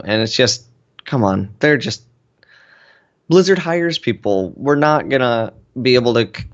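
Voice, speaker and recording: A low-pitched man talks as a podcast guest, enthusiastic and casual, with the odd filler word. His voice comes through a muffled, lo-fi recording. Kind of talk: casual chat. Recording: muffled lo-fi audio.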